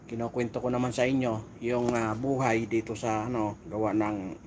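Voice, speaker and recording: A middle-aged man chatting casually on a live stream while on night volunteer duty outdoors, giving viewers shout-outs. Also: medium pitch, level tone, moderate pace, a little hiss or hum.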